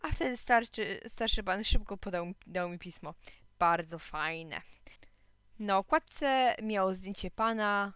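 A woman narrating a children's story in a lively, playful way. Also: medium pitch, slow pace, clean tone, no echo. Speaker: audiobook narrator.

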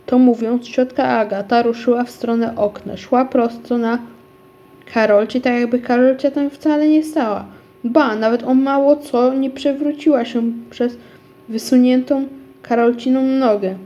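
A woman reading a children's book aloud, steady with small slips and restarts. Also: on the high side, measured pace, dull audio. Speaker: narrator.

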